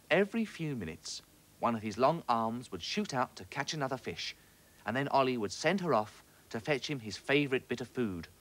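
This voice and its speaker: Male storyteller, expressive children's TV reading, very lively melody. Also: mid-range voice. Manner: expressive, animated.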